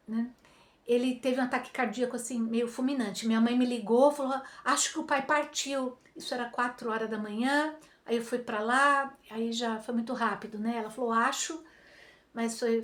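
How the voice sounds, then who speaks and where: Woman from Brazil, middle-aged, personal storytelling, animated, tag questions, echoey room. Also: fairly high pitch, normal speed. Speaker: vlogger.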